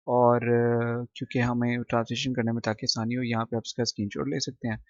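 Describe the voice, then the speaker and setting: Teacher explaining words slowly. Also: male voice, mid-range voice, dry recording. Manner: explains word by word, slow and deliberate when reading English lines. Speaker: English teacher. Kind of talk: screen-recorded textbook lesson. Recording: dull, dry close recording.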